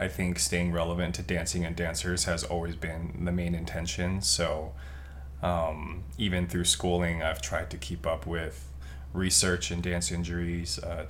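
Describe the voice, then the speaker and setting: A young man from Taiwan talks as a podcast guest in an earnest, reflective way, stopping to restart his thoughts. His voice is very deep, and faint hiss sits behind it. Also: gravelly, a bit bright. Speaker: podcast guest, physical therapist. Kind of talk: casual podcast chat.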